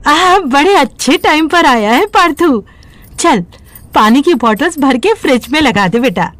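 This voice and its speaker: A woman's voice: high voice, animated, measured pace, no echo. A woman playing a practical motherly mom. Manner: gentle, reasoning, motherly. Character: caring but practical middle-aged mother. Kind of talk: audio story dialogue.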